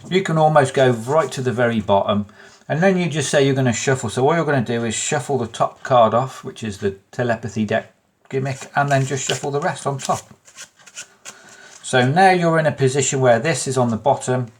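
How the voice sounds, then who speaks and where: A man talks through an informal hands-on demonstration in a mid-pitched voice. He is chatty and self-deprecating, often slipping into muttered asides to himself as he instructs. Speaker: magician presenting a card trick tutorial.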